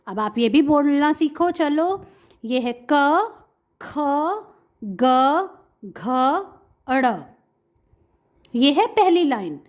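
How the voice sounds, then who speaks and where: A woman teaching a kindergarten Hindi class, sounding out letters and words slowly so children can repeat after her. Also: high-pitched, animated. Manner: slow, drawn-out syllables, call-and-repeat drilling. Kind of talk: online lesson for young children.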